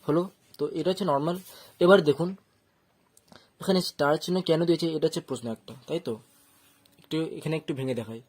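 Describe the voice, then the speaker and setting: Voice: medium pitch, animated, fast talker, long pauses, darkish tone. A Quran reading teacher giving an online lesson, explaining step by step with patience and drawing out each letter sound at length when reciting.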